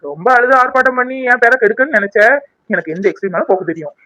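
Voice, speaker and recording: A man's voice: very high voice, lively intonation, very fast, pushed and bright, heavily acted, low-quality recording. A man voicing a young man in a cartoon, a spurned ex-lover who is mocking, sarcastic and scheming. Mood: threatening.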